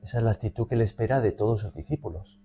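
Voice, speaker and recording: A man leads a Bible study in a low, mellow voice. He explains the passage step by step and keeps checking in with his listeners. A faint hum sits behind him. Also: very fast. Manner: teacherly, checks in with "¿no?".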